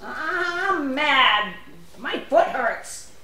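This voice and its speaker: Someone doing a huffy, high-voiced puppet. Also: sing-song, extremely slow, sharp tone, heavy reverb, far from the mic, a little hiss or hum, exaggerated voice, low-quality recording. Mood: sulky. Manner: huffy, complains. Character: grumpy puppet friend with a sore foot. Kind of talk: children's puppet show.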